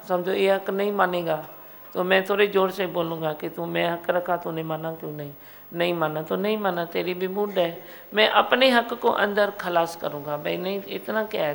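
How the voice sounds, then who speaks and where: A woman giving a satsang discourse as spiritual teacher, animated, coaxing and scolding with rhetorical questions. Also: mid-range voice, gravelly, rough recording.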